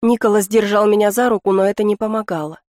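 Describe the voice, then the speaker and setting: A woman narrates a first-person audiobook in a measured, intimate way. Her voice sits in the middle of the range for a woman. The recording is dry and close, with no sound of the room. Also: mid-range voice, fairly even intonation, darkish tone, no echo.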